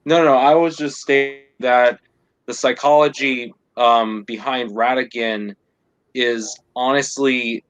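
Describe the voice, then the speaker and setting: A man's voice: medium pitch, steady tone, slow, a bit bright, rough recording. A man co-hosting a casual discussion, repeating phrases for emphasis. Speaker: podcast co-host.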